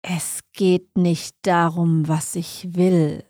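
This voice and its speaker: An ancient, sinister stranger of the forest, as a woman narrator voices him, drawing out each word slowly with quiet mockery. The tone is mellow and dark, recorded dry and close in an audio story. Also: fairly low pitch, steady tone, slightly rough, no room sound. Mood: slow menace. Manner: slow, mocking, drawn-out words.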